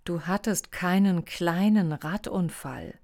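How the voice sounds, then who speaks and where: A woman's voice: on the low side, slow pace, creaky, a little mellow. Woman reading a firm, caring young woman. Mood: earnest. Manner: firm, soothing.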